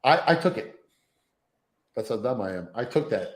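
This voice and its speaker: A man in his thirties spins loose, profane stories as an interview guest, and he often slips into other people's voices. His pitch sits right in the middle. The room adds a noticeable echo around him. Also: moderate pace. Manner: profane, animated anecdotes with acted quotes. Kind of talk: casual storytelling interview.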